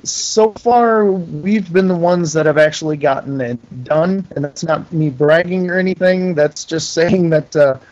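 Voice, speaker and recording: A middle-aged pinball company owner, guesting on a casual interview, talks in a folksy, self-deprecating and enthusiastic manner. His voice sits on the high side with a darkish tone, a little slow with few pauses, and the audio sounds dull.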